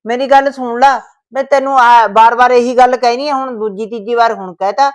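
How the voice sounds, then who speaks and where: A woman's voice: a little high, steady tone, a little fast, lightly acted. An actress with a Punjabi accent playing a stern, suspicious older mother-in-law who scolds and lectures, in a village short-film drama. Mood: scolding.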